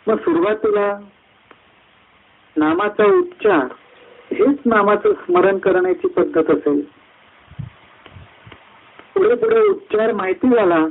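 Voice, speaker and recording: A man giving a devotional discourse at a satsang, climbing high through lists of words and slowing down on key phrases. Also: wildly swooping pitch, creaky. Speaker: satsang speaker. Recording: tinny phone-like line.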